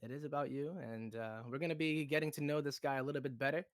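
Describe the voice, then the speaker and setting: A man's voice: fairly high pitch, fairly even intonation, fast talker, no echo. A man hosting a casual livestream interview, chatty, upbeat and teasing. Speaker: community host.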